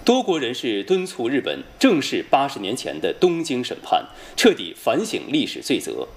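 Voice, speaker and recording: A man with a standard mainland Mandarin accent reading scripted news as an anchor, formal, measured and precisely enunciated. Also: mid-range voice, huge pitch swings, creaky. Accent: standard mainland Chinese Mandarin.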